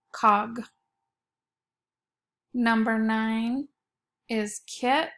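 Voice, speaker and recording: Slow, careful woman teacher with creaky voice. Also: fairly high pitch, bright, forceful tone. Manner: slow, careful dictation with words set apart and repeated. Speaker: elementary school teacher. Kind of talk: dictating a spelling test.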